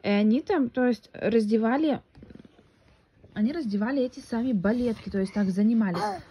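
A young vlogging mom chats loosely to her phone, held at arm's length indoors at home, her talk full of fillers and restarts. She has a fairly high, warm, expressive voice at a normal speed, with a little background noise.

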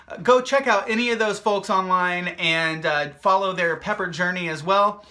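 A young man talks straight to his viewers in a loose, joking vlog style. He rambles cheerfully and fills his talk with "uh" and "like". His voice has a bright, forward edge. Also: high voice, moderate pace. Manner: upbeat, jokey and rambling, with many fillers. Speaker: hot sauce maker and video host. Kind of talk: casual chatty vlog.

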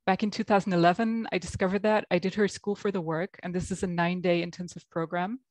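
Talking fast in a lowish, slightly mellow voice with fairly even intonation, the Belgian woman with an American accent reflects on things and fills pauses with many ums. It's a dry recording of a video-call interview where she appears as a guest coach from a room at home.

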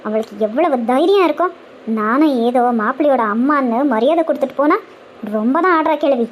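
A woman's voice: sits high, fairly quick, slight background noise, close to an everyday voice. A woman voicing a fierce, bossy old grandmother who scolds indignantly in a cartoon.

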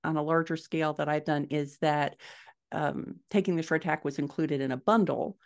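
A middle-aged American woman, guest author on a casual podcast, thinks aloud as she explains things. Her low, slightly mellow voice holds a steady tone at a moderate pace, picked up by a desktop mic on a video call from a room at home.

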